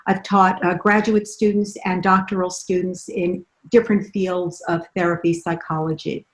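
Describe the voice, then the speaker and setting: A woman's voice: fairly low pitch, level tone, moderate pace. Older woman with a Southern drawl. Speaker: psychotherapist guest. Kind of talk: conversational interview on a video call. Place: video call.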